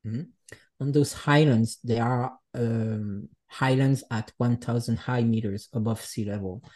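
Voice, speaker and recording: A man from Switzerland, a guest artist talking reflectively in a casual conversation and often pausing to search for words. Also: medium pitch, steady tone, dark tone. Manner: reflective, searching for words, speaks English as a second language.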